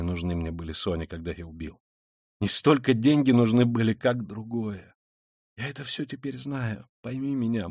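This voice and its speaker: A tormented, feverish young man, proud and brooding, who lurches from fierce outbursts to low mutters, as a male reader voices him. The storybook reading is dry and close-miked, in a mid-pitched voice. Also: dry recording, lightly acted. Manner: intense, brooding, swings between outbursts and mutters. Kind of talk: dramatic audiobook reading.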